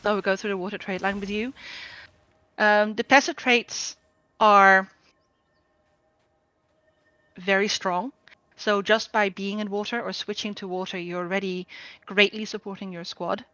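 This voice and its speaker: A woman runs a training session over group voice chat and explains each choice step by step, filling pauses with ums. Her voice is of middling pitch and comes through a dull, lo-fi mic with no room sound. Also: steady tone, pushed and bright, no echo. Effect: group voice chat audio. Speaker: guild trainer. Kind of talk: game build tutorial.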